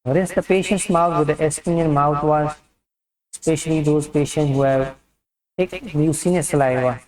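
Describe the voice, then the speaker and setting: Male instructor, methodical teaching narration, slightly high pitch, distant mic in a roomy space. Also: fairly even intonation, moderate pace, a little mellow. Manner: methodical step-by-step explaining. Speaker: dental instructor.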